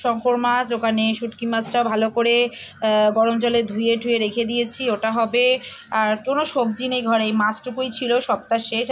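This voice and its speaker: A woman's voice: on the high side, a little hiss or hum. A woman chatting casually to her viewers in a home vlog, walking them through her cooking and errands. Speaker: vlogger. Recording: background music under the voice. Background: music.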